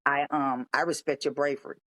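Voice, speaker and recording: A man hosting a podcast interview, speaking in a measured, affirming, thoughtful way. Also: medium pitch, flat delivery, pushed and bright. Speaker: podcast host. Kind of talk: interview conversation.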